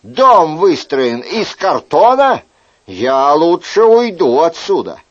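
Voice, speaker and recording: A man performs a sharp-tongued, sarcastic man from an audiobook, his voice lifted well above the narrator's and leaping about with mock reasoning. The delivery is slow and pointed. The recording sounds a little dull. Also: a little high, very animated, full character voice. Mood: indignant, mocking. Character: sarcastic, quick-witted man, mocking and indignant. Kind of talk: audiobook character reading.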